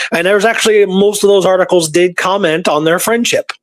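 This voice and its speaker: With a high-pitched voice at a moderate pace, this man hosts a history podcast, chatting through stories and detailing dates and records from his research.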